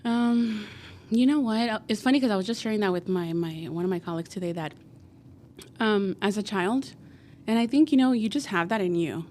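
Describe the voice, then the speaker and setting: A woman's voice: mid-range voice, a little fast, a little mellow, slight background noise. A woman in her forties from Guatemala, a podcast guest telling her story in a chatty way full of fillers. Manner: chatty, many fillers like "like" and "you know". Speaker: guest, cleaning company founder. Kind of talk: casual podcast interview.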